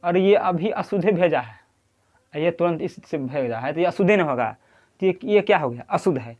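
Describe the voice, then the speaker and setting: A man's voice: fairly high pitch, animated, moderate pace, darkish tone, muffled recording. A man with a Bihari accent teaching a lecture, who keeps asking the class questions and repeating key terms. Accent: Bihari Hindi. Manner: quizzing, repeats key terms, drawing at a board.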